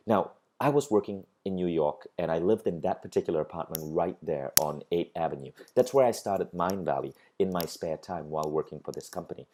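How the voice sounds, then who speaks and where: For an online course recording, a middle-aged instructor from Malaysia lectures in a low, warm voice. His motivational delivery is earnest, and he reinforces ideas by repeating phrases.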